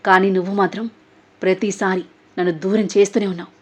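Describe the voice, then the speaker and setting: A woman's voice: mid-range voice, little pitch movement, fast, a little mellow, close to an everyday voice. A woman voicing an obsessive, hot-tempered young man who talks intensely and demands. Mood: possessive. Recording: dull lo-fi audio.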